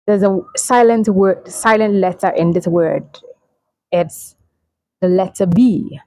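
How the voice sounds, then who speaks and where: Slow, careful woman teaching pronunciation. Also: a little mellow, no room sound, rough recording. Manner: slow, drawn-out words, frequent laughs and mm-hmms; jumps high in pitch when modeling words. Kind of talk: pronunciation lesson to camera.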